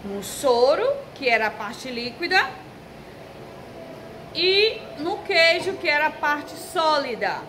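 A woman's voice: high voice, very animated, slow pace, sharp tone, a little hiss or hum, poor audio. A Brazilian woman teaching a recorded first-grade lesson, patiently spelling out letters and syllables. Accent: Brazilian Portuguese. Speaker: primary school teacher. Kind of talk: recorded remote class.

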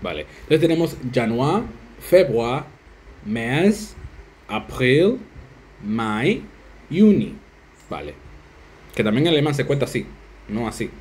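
A man casually hosting a language lesson, chatty and self-deprecating, slowly sounding out foreign words. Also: medium pitch, expressive, a little mellow. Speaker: language learner and video host.

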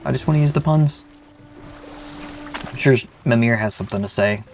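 A young gaming channel host with a sick-sounding, medium-pitched voice provides let's-play commentary at a normal speed. He rambles, jokes, and pokes fun at himself, with background noise audible.

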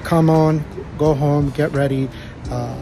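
A man's voice: on the high side, fairly even intonation, slow, over music. A man in his thirties talking casually to a close phone camera outdoors after a workout, hesitant with many fillers and restarts. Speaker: vlogger sharing a personal routine. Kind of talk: casual unscripted talk to camera. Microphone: phone camera held close. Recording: outdoor city noise behind.

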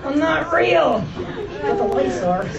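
A woman ventriloquist voicing a cheeky, silly dog puppet in a squeaky dummy voice, in a stand-up routine. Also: sing-song, takes it slowly, over a noisy crowd, very noisy, full character voice. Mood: silly, boastful. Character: cheeky, silly dog puppet, a bull terrier and shih tzu cross. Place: comedy club stage. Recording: muffled, distant club recording with loud audience.

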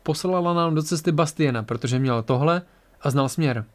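A man voicing a calm, thoughtful male hero in an amateur audiobook reading. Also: natural voice. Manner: low, quiet, measured.

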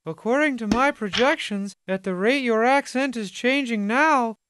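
A man voicing a calm, know-it-all male computer in a cartoon, flat and matter-of-fact. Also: very high-pitched, moderate pace, noisy background, voice pushed up.

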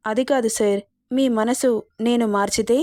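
A woman's voice: on the high side, fairly even intonation, moderate pace, darkish tone, dry recording, studio quality, lightly acted. Defiant young heroine pleading, read by a woman. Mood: indignant, earnest. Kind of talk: storybook romance reading.

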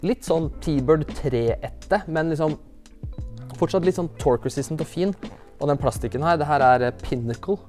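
A man on a disc golf store's staff, presenting the stock in a casual, relaxed and enthusiastic way, with lots of slang and fillers. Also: a little high, soft background music. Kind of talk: casual product walkthrough.

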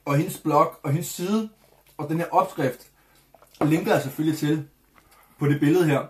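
A man's voice: a little high, roomy sound, a little hiss or hum. A young man hosting a casual cooking vlog, coughing now and then, chatting, swearing and joking with viewers. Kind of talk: casual live chat.

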